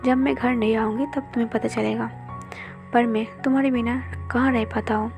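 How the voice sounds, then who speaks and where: A woman's voice: on the high side, steady tone, normal speed, creaky, music in the background. A woman voicing a tired male vampire who pleads with his partner, in a Hindi storytelling. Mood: affectionate.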